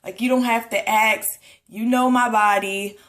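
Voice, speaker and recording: A woman's voice: a little high, fairly even intonation, unhurried, fairly bright tone. A young woman talking casually to her camera in a rambling pregnancy vlog, full of fillers and a little out of breath. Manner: chatty, rambling, many fillers. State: a bit out of breath. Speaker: vlogger. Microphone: camera at close range.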